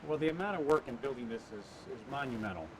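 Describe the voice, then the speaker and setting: A man answering interview questions about the attraction he built, halting with many "uh" fillers and restarts, heard on a worn tape copy. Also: medium pitch, expressive, background noise. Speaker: attraction owner being interviewed.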